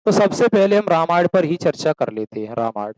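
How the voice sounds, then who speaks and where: A man's voice: fairly high pitch, very animated, a little fast, a little mellow, no echo, rough recording. A man teaching a classroom lecture, asking questions and answering them himself, addressing students as beta and slipping into rural dialect for examples. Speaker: coaching teacher.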